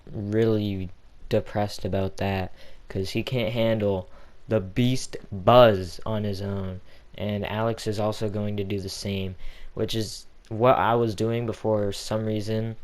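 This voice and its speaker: A man with a fairly low voice reads through a chat log at an unhurried pace. His commentary is rambling and bemused, broken up with frequent fillers. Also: darkish tone.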